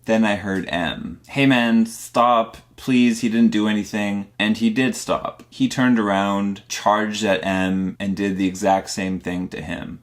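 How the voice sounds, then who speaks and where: A young man narrating a personal story in a plainspoken, earnest way, slowing down on the grim moments. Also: low voice.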